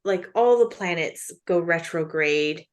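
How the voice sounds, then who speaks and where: A woman's voice: lowish voice, measured pace. A woman co-hosting a casual chat podcast, chatty with fillers and frequent laughs. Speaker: podcast co-host.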